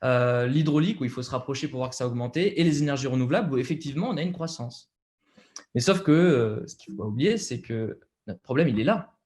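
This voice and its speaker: A man's voice: medium pitch, lively intonation, quick pace, a little mellow. A young man with a French accent presenting slides over a video call, hesitant, with many fillers and restarts.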